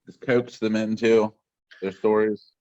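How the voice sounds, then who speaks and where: Low-voiced man with dry jokes. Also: level tone, measured pace, a little mellow, no echo. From West Virginia. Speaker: podcast co-host. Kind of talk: casual podcast chat. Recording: dull dry podcast mic.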